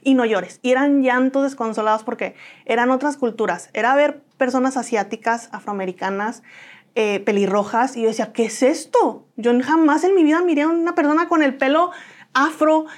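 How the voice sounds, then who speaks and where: A Mexican-accented woman, a guest in an interview, earnestly tells her own story and acts out the voices of the people she quotes. Her voice sits high and moves a little fast.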